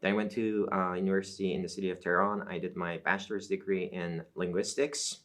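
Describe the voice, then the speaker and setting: A middle-aged Iranian man whose first language is Azeri Turkish is a professor guest in an academic interview. He explains things in a measured way, with frequent fillers, and his voice is low-pitched, level, and fairly bright in tone.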